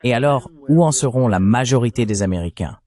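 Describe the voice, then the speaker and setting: This synthetic, AI-generated male voice is mid-range, brisk and animated with a warm tone. It reads a translated political commentary in an explanatory, rhetorical way, voicing over a panel discussion.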